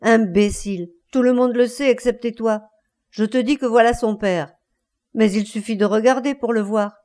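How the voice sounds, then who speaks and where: A woman's voice: fairly high pitch, steady tone, moderate pace, mellow, lightly acted. A woman voicing a defiant, scornful unfaithful wife with a cold, taunting delivery.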